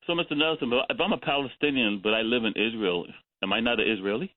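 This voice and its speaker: A man's voice: mid-range voice, quick pace, dry recording. A man calling in to a radio talk show, talking emphatically and going off on tangents, chuckling between his points. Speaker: caller. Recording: tinny phone line.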